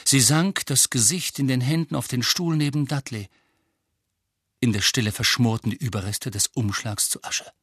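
A man's voice: mid-range voice, normal speed, fairly bright tone, slightly rough, dry recording, clean studio sound. A man narrating an audiobook in a vivid, dramatic reading. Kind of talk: scripted narration.

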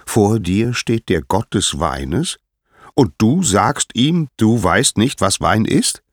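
A man's voice: sits low, wildly swooping pitch, measured pace, creaky, breathy edge, no room sound, clean studio sound, exaggerated voice. A man voicing a jovial, sly male god of wine who talks in a cheerful, coaxing way in a storybook reading. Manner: cheerful, coaxing, mock-indignant.

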